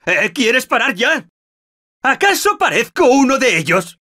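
A man with a Castilian Spanish accent playing an anxious everyman zombie-apocalypse survivor in a video game, emotive and slangy, with a husky voice. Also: very high voice, sing-song, measured pace, sharp tone, heavily acted. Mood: annoyed, pained.

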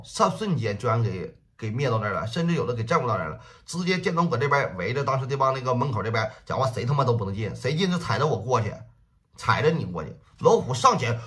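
A man's voice: mid-range voice, fairly bright tone. A man narrating a gangster tale on a livestream, with punchy, vivid delivery and spoken sound effects. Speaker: storyteller. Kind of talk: livestream crime storytelling.

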